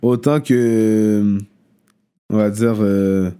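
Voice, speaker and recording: A man's voice: fairly low pitch, drawn-out words, smooth. A young man from Laval with a Québécois French accent, a rapper guest talking casually and easing his French with English slang and frequent agreeing fillers. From Laval, Quebec. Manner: relaxed, lots of agreeing fillers.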